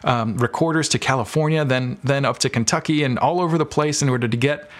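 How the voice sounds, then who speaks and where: This is a casual interview chat with a filmmaker who also makes audio dramas, appearing as a podcast guest. His voice sits at medium pitch and moves at a quick pace, and he speaks candidly and informally, with rambling explanations.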